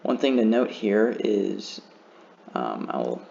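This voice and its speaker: Male teacher, low voice, slow careful beginner lesson, muffled recording. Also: sing-song, vocal fry, darkish tone, a little hiss or hum. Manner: slow, careful demonstration of pronunciation.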